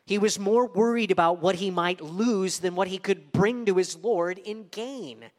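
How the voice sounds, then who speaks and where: A man's voice: sits high, unhurried. Preaching man with a dramatic delivery. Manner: dramatic, acting out voices of the servant and master. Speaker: pastor. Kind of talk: sermon. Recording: long hall reverb.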